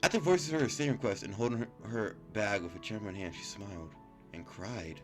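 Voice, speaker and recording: With faint music in the background, a man with a lowish voice reads game text a little quickly. He's a gaming YouTuber who stumbles, corrects himself, and reacts casually as he goes.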